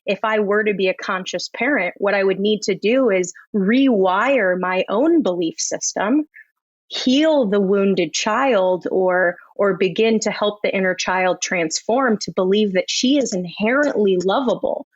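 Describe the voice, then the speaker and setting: With a mid-range voice and no room sound at all, this woman co-hosts a podcast, offering reflective, analytical commentary in articulate, measured language full of psychology terms. The close recording comes across dry and a touch dull.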